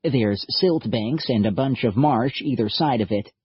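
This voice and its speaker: A man's voice: medium pitch, measured pace, husky, dry recording. A man reading a patient know-it-all scientist. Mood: lecturing. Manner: explanatory, lecturing. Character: nerdy male scientist, patient, a bit patronizing. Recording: dull lo-fi audiobook recording.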